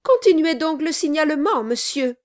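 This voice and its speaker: A woman's voice: high voice, big pitch swings, slow pace, exaggerated voice. A woman doing a curt, impatient old mother-in-law.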